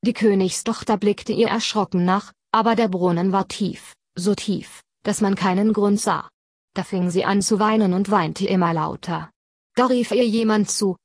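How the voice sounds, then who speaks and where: A woman's voice: mid-range voice, dry recording, studio quality. Woman reading a fairy tale aloud. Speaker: narrator.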